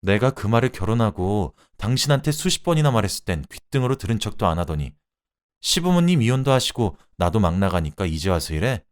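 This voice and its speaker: A man voicing a fed-up young wife who shouts and scolds her husband in a Korean radio-drama story reading. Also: fairly low pitch, sing-song, brisk, clean tone. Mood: sharp. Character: furious fed-up young wife, sharp-tongued.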